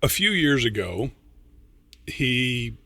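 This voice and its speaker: An older man hosting a reaction video, talking casually in a rambling, halting way with some swearing, a little tipsy and slurring. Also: medium pitch, very animated, bright, forceful tone, no room sound.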